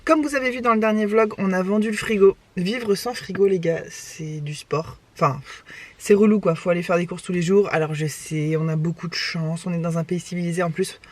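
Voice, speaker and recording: A young woman from Réunion, hoarse after waking up, chatting in a rambling, self-mocking way for her vlog. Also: on the low side, steady tone, fairly quick. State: hoarse, just woken up. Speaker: vlogger. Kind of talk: casual vlog chat. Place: home in the morning, then driving a car.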